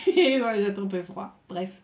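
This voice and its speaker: A woman's voice: mid-range voice, slow pace, echoey room. A woman giving a tarot reading while sick with a cold and a fever, her nose stuffed up, talking hesitantly with lots of fillers and restarts. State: feverish and tired. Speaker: tarot reader.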